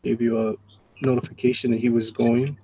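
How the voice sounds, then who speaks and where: A man's voice: medium pitch, flat delivery, brisk, mellow, a little hiss or hum. A man chatting and teasing on a live stream, laughing at his own jokes. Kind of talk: casual live-stream chat.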